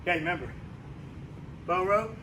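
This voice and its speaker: A fairly high-voiced man leads a workout like a barking gym coach, giving short, energetic orders. He instructs while exercising, with clear background noise around him. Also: moderate pace, recorded from a distance. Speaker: fitness coach leading a workout. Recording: noisy room with gym ambience.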